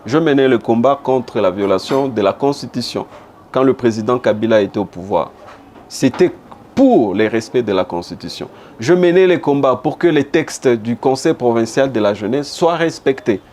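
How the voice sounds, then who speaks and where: An animated man with a mid-range, darkish voice speaks at a moderate pace in a broadcast interview. He's a Congolese politician and ex-humanitarian worker with a Congolese accent, emphatic and fond of repeating phrases for effect. The audio carries background noise and room ambience.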